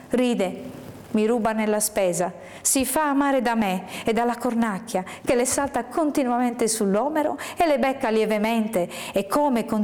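A woman reading a first-person literary story aloud in a measured, hushed way, sometimes sinking into a whisper. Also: medium pitch. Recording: long hall reverb.

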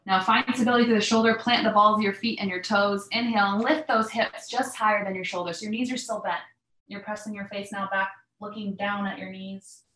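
A woman instructor guiding a stretching class with breathing cues in a calm, measured, step-by-step manner. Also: mid-range voice. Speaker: yoga and mobility instructor. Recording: echoey, roomy sound.

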